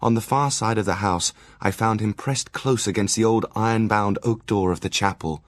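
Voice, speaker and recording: A man acts a conscientious Victorian doctor in an audio drama, setting down his diary and letters. His voice is fairly low, with a formal, measured delivery. The recording is dry and close. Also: no room sound, natural voice. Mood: urgent, grave. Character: Dr Seward, serious, conscientious Victorian asylum doctor.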